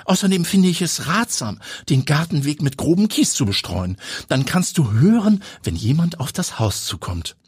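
A strict, wary woman gives firm advice in a raised, airy voice, acted by a male narrator. The voice is very husky and breathy and moves a lot in pitch. It is recorded close and dry. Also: sing-song, moderate pace, a little mellow, dry recording, full character voice. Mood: warning. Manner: stern, instructive.

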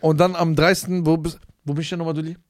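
A man's voice: on the high side, little pitch movement, very fast, dry recording, studio quality. A man co-hosting a casual chat podcast, teasing his partner in playful banter. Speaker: podcast co-host.

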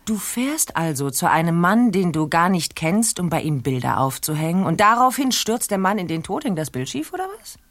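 A skeptical, low-voiced detective. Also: female voice, sing-song, moderate pace, few pauses. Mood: stern. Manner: interrogating, skeptical. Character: stern female police detective.

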